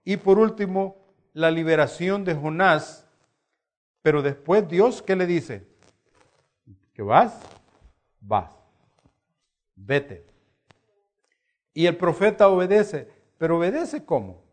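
Animated male preacher, higher voice. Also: measured pace. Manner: animated storytelling with acted quotes. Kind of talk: sermon.

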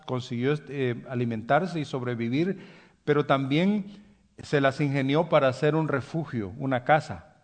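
A man preaching a sermon, pausing on fillers and restarts and dropping soft at the ends of lines, by his own account a hasty person. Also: medium pitch. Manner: self-described hasty.

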